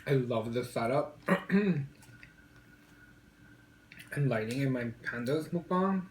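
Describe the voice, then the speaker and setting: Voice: mid-range voice, lively intonation, slow pace, roomy sound, a little hiss or hum. A mukbang vlogger chatting casually and playfully to viewers, chewing and eating while talking. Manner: playful, breaks into song.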